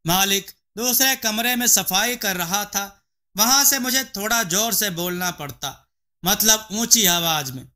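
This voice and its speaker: A man's voice: sits high, measured pace, pushed and bright, full character voice. A man voicing a simple-minded servant who takes every order literally and answers earnestly. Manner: naive, earnest.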